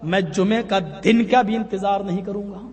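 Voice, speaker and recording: Preacher voicing a stern commanding ruler. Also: male voice, sits high, steady tone, a little mellow, voice pushed down, lightly acted. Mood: warning. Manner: stern, warning. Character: stern just caliph, older man of authority. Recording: long hall reverb.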